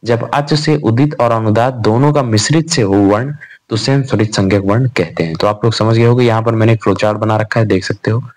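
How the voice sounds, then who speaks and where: A man's voice: lowish voice, brisk, darkish tone. Chatty young male grammar tutor. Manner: chatty, addresses students as "bhai", asks and answers his own questions. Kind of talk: informal exam revision lecture.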